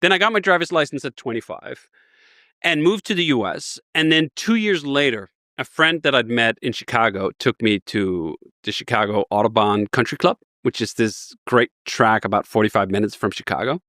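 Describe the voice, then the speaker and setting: A man's voice: mid-range voice, moderate pace, sharp tone, no echo, clean studio sound. A man in his forties from Denmark, a guest telling stories with enthusiasm in a casual interview. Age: 40s. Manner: enthusiastic, rambling storyteller.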